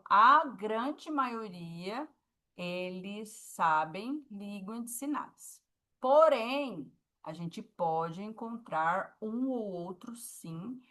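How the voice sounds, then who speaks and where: A woman with a Brazilian Portuguese accent teaching a sign language class, explaining patiently and checking in with her students often. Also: medium pitch.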